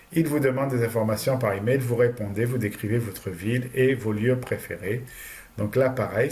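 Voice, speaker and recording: A man giving a relaxed lecture about a language course, talking loosely with frequent hesitations. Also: medium pitch. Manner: hesitant, many fillers and restarts while explaining course material. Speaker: university lecturer. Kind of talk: casual lecture commentary.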